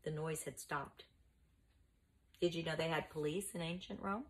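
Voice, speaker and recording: A woman's voice: low-pitched, steady tone, normal speed, poor audio. A woman teacher reading a children's book aloud and stopping to explain words to young listeners.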